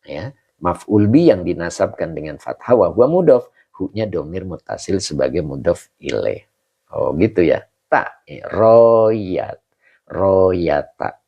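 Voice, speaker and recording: Slow, deep-voiced ustadz teaching grammar live. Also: male voice, vocal fry, dark tone, muffled recording. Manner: slow, repeats terms, drawn-out Arabic words, many "nah, begitu ya". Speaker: ustadz teaching a live online study session. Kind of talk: kitab grammar lesson, live stream.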